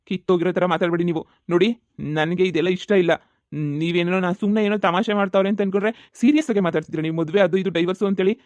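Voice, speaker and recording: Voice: medium pitch, fast, a little mellow, no room sound, close to an everyday voice. A voice actor playing an exasperated man who refuses a marriage, in a cartoon comedy. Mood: irritated scolding.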